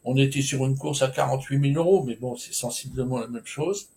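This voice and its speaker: A man's voice: mid-range voice, fairly quick, creaky, mellow. A man giving a solo horse racing preview, talking in a hesitant, chatty way with frequent filler sounds and restarts. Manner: informal, chatty asides.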